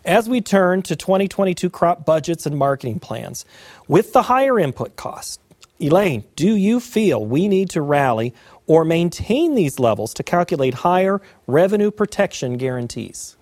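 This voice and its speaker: A man's voice: a little high, sing-song, moderate pace, a little mellow, no room sound. A man hosting a farm market segment, asking folksy, prodding questions with a playful streak. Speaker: show host. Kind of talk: interview questions.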